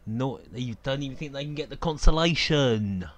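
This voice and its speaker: A man's voice: medium pitch, normal speed. A man giving casual live football commentary from an outdoor stadium on a cold evening, chatty and opinionated and laughing at his own jokes.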